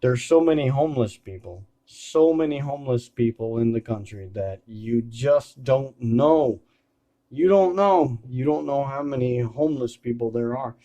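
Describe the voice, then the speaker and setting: A video creator with a warm, mid-range voice speaks to viewers at a normal speed, unscripted and casual. He rambles and hesitates, repeating and correcting himself, and uses some blunt language.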